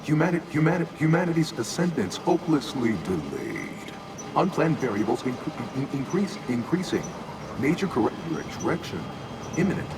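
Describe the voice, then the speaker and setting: A man's voice: fairly high pitch, sing-song, normal speed. An actor voicing a male archive AI in a video game, glitching and stuttering through error loops that cut off his words. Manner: repeats and cuts off syllables, error loops. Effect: glitching, stuttering machine voice. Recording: distant game audio with loud hum.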